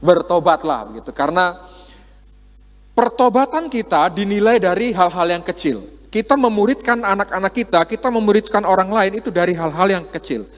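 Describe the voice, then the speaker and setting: A man preaches in a relaxed, talking style, tossing rhetorical questions at the congregation and acting out little exchanges. His voice sits a touch higher than most men's. Long reverb from the church hall trails after his words. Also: normal speed. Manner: conversational, with quoted dialogue and rhetorical questions. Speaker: pastor. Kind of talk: sermon.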